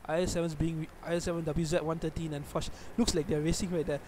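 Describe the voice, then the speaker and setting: High-voiced Malaysian man casting a match. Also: fast talker. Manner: excitable, often corrects himself mid-phrase. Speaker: esports stream commentator. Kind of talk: live tournament commentary. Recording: noisy background hum.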